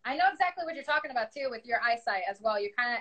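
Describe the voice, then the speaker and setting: A woman's voice: fairly high pitch, animated, very fast, a bit bright. A young woman from New York with a New York accent, chatting candidly about her music on a livestream. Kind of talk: casual livestream chat.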